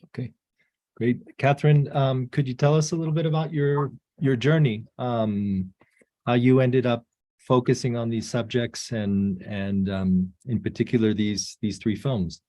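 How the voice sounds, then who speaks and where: Dark-voiced hesitant male moderator. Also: medium pitch, steady tone, measured pace, dry recording. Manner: hesitant, many fillers. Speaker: panel moderator. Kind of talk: online panel discussion.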